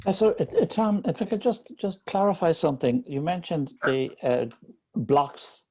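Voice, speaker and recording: A man hosting a video call, asking a guest a halting question with many uhs. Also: a little high, expressive, a little mellow. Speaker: host. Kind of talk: hesitant questioning.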